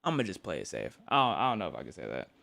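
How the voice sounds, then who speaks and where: Very fast and forceful, this young man's low, creaky, bright voice swoops wildly in pitch. He's tired, live-streaming late at night, rambling and joking with his chat and often restarting or repeating what he says.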